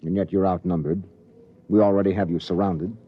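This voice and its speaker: A calm, commanding spaceship captain in a 1950s radio drama. His voice is low and husky, with a wide swing in tone, and it comes through a dull old broadcast. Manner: measured and authoritative.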